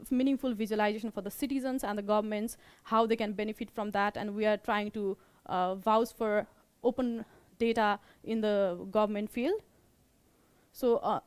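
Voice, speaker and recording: A young Nepali-accented woman gives a halting, informal presentation as a meetup organizer, often repeating and rewording herself. Her smooth voice sits on the high side, on a dry recording.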